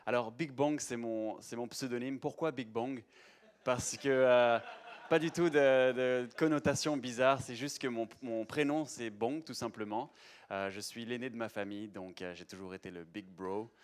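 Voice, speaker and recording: A man's voice: mid-range voice, fairly even intonation, moderate pace, clear, resonant tone. A young man giving a live presentation to an audience in a lecture room, chatty, with many hesitations and restarts. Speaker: conference speaker.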